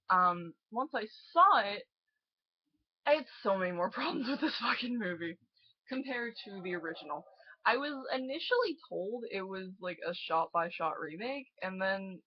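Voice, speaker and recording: A woman's voice: mid-range voice, husky, no echo, muffled recording. A young woman in her late teens giving a casual, profane, exasperated movie review and laughing often.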